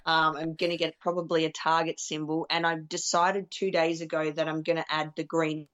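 A woman's voice: low-pitched, level tone, fairly quick, fairly bright tone. A woman co-hosting a podcast in casual chat, rambling with lots of fillers and the odd swear. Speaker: podcast co-host.

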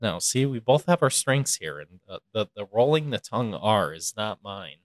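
A man's voice: lowish voice, very animated, moderate pace, no room sound. Playful teasing man. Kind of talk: casual chat.

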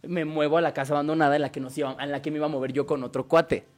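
A man's voice: fairly high pitch, steady tone, soft background music. A man with a Mexican Spanish accent, co-hosting a casual chat and telling stories in a slangy, swearing way. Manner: fast slangy storytelling with swearing. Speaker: co-host.

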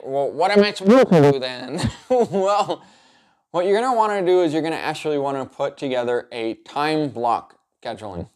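Upbeat man giving structured advice. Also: medium pitch. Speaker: self-improvement coach presenting a video series. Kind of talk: structured advice vlog talking to viewer.

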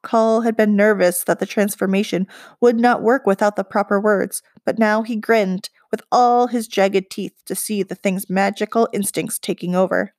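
A woman reading a children's book aloud with expressive, measured narration. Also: medium pitch, dry recording, studio quality. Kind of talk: storybook read-aloud narration.

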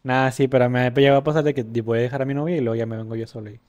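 Joking young Mexican podcast host. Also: male voice, medium pitch, steady tone, very fast, darkish tone, highs cut off. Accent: Mexican Spanish. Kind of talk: casual chat, reading a story aloud.

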